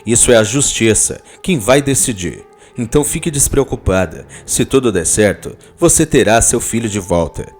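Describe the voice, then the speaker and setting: A man voicing a calm, firm estranged husband, speaking soft, low and steady. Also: normal speed, soft background music, lightly acted.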